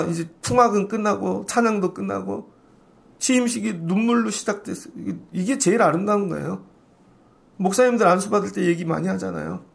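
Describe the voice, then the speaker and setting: High, gravelly-voiced male pastor preaching. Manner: blunt, conversational preaching with rhetorical questions. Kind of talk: early-morning sermon.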